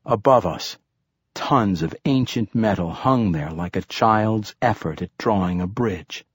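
A man narrating an audiobook in a steady, measured storytelling manner. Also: fairly low pitch, breathy edge, no room sound, studio quality.

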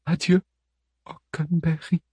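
A man voicing a cold, scheming woman who speaks softly and sweetly with quiet menace, read aloud in an audiobook. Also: fairly high pitch, little pitch movement, takes it slowly, breathy edge, no room sound, voice pushed up, exaggerated voice. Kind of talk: audiobook character reading.

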